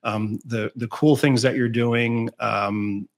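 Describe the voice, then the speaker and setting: A man's voice: mid-range voice, steady tone, takes it slowly. A man from the Boston area hosting a casual tech show, joking and laughing often. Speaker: podcast host. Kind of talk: casual chat.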